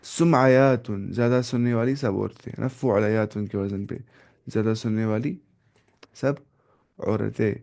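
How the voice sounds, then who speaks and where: A man teaching an Arabic grammar class, slowly repeating word forms and correcting himself as he goes. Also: fairly low pitch, fairly even intonation, gravelly, darkish tone. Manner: slow and repetitive, drilling word forms with self-corrections.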